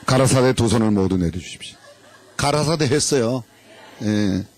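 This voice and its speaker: A man's voice: mid-range voice, animated, normal speed, a little mellow, slight background noise. A middle-aged male pastor preaching in a church, playfully leading the congregation through a game. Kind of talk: sermon. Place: church sanctuary.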